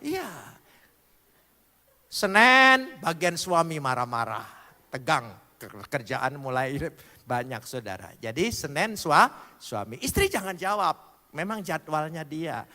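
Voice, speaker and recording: Lively high-voiced preacher in a reverberant hall. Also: male voice, slow. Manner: animated preaching, spelling out words letter by letter, swings from loud to soft. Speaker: pastor. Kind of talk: sermon. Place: church hall.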